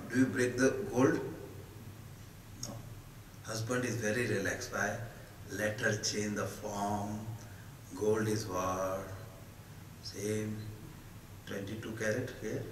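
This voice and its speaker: A man with an Indian accent giving a spiritual discourse as a teacher, emphatic, posing rhetorical questions and answering them in short, deliberate phrases. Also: fairly low pitch. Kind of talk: spoken philosophical discourse to students. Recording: echoey hall, distant mic, faint noise.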